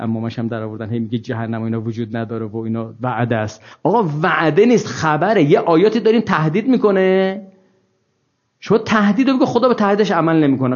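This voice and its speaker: A man giving an informal scripture lecture to an audience, wry and ironic, asking many rhetorical questions. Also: medium pitch. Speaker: religious lecturer. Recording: dull lo-fi recording.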